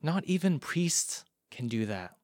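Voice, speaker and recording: A male preacher acting out a stern guard of an ancient Israelite camp, speaking firmly and sometimes dropping to a hushed tone, in a dry close sound. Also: fairly high pitch, sing-song, slow pace, dry recording, full character voice.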